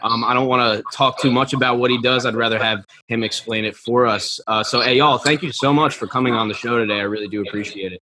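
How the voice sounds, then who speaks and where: A man's voice: mid-range voice, fairly even intonation, fast, few pauses, bright, forceful tone. A man hosting a podcast, asking loose, rambling questions with restarts. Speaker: podcast host. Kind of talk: casual interview hosting.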